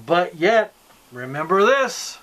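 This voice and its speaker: A man's voice: high voice, very animated, slow pace, fairly bright tone. An American man giving informal political commentary straight to online viewers, insistent and explanatory, posing rhetorical questions.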